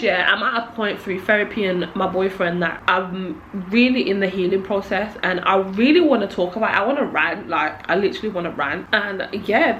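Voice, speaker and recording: A woman's voice: medium pitch, a bit bright, lo-fi sound, a little hiss or hum. A young woman chats casually and candidly to camera, rambling and slangy, with a lisp from a swollen cheek that keeps her mouth from fully closing. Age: young adult. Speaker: video creator.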